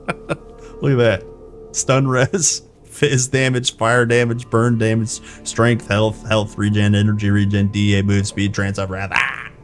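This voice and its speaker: Low-voiced man streaming a game with faint music. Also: little pitch movement, takes it slowly. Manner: chatty, laughs often, tells jokey family stories. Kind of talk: casual gameplay commentary.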